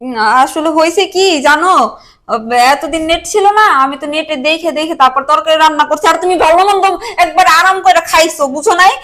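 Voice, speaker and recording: A woman's voice: very high voice, fairly even intonation, fairly quick, a bit bright. An actress playing a young wife who can't cook without the internet and pleads with her husband. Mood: pleading. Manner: pleading, whiny. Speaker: actor in a village comedy skit. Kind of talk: skit acting.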